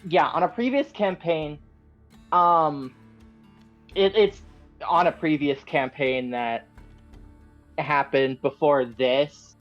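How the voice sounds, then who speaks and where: Deep-voiced woman player, eager, dull lo-fi mic. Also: takes it slowly, pauses often, faint music behind. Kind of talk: casual tabletop game play.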